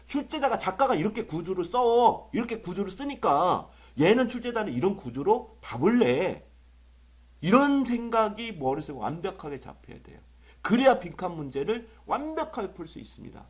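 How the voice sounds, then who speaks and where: A young adult male English tutor with a sore throat from a cold, lecturing in an excitable, exaggerated way full of rhetorical questions. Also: high voice, breathy edge. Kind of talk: online exam-prep lecture.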